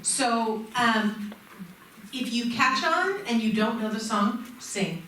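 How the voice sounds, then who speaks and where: Higher-voiced woman musician in echoey hall. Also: lively intonation, slow pace, fairly bright tone, a little hiss or hum. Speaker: church musician. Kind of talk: introducing a song. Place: church sanctuary. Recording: echoey hall mic from far off.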